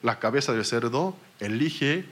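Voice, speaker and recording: Husky Korean-accented pastor preaching. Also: male voice, mid-range voice, lively intonation, a little slow. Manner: storytelling, self-mocking, with small slips. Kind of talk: sermon.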